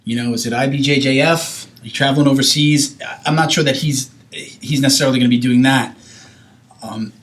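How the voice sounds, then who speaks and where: Chatty middle-pitched podcast host, man. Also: steady tone, fairly quick, a bit bright. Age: 40s. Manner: rambling, self-correcting, asks questions. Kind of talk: casual chat.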